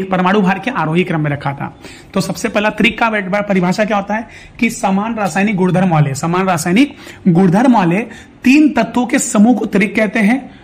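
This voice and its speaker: A male science teacher giving a casual lecture, chatty and fond, repeating definitions slowly and calling his students "beta". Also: high voice, a little mellow.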